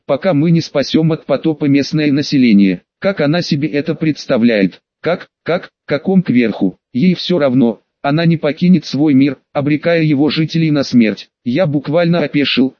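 A man narrating a fantasy audiobook, reading every character in one steady voice. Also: on the high side, normal speed, few pauses, dry recording, highs cut off.

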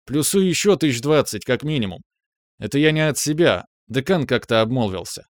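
A man voicing a calm, knowing older man who speaks in a dry, measured way. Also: mid-range voice, no echo, close to an everyday voice. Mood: wry.

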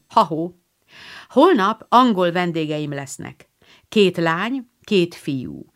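Brief: a woman voicing a cheerful, playful boy neighbor in a storybook. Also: fairly low pitch. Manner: jaunty, playful.

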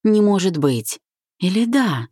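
A woman's voice: mid-range voice, very animated, measured pace, dark tone, slightly rough, no room sound, clean studio sound, voice pushed up. A woman voicing a curt, irritable young woman who snaps at her partner, in an audiobook. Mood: sharp. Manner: curt, snapping.

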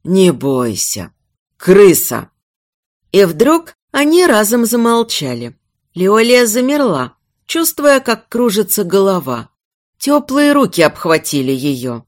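A woman's voice: medium pitch, unhurried. A woman narrating a novel expressively in scripted narration. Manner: expressive, acts out character voices. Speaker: audiobook narrator.

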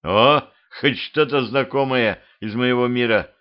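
A man voicing a gruff, short-tempered middle-aged gravedigger who talks bluntly, in a self-made audiobook. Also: medium pitch, measured pace, lightly acted. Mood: wary. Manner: blunt, irritable. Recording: dull lo-fi home recording.

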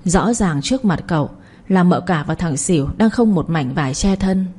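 A woman's voice: lowish voice, expressive, moderate pace, warm tone, slightly rough. A woman narrating a serialized story and voicing every character.

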